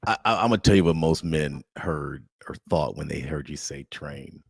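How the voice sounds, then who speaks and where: A man with a very deep, gravelly and husky voice jokes and teases his co-hosts. His pitch swings widely as he talks, and the sound is dry and close. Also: normal speed, no room sound. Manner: joking, teasing, animated. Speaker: podcast co-host. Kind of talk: casual podcast chat.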